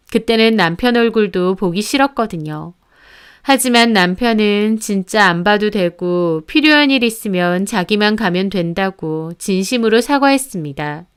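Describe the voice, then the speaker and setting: Smooth-voiced woman narrating a story. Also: medium pitch. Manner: indignant, emotional retelling.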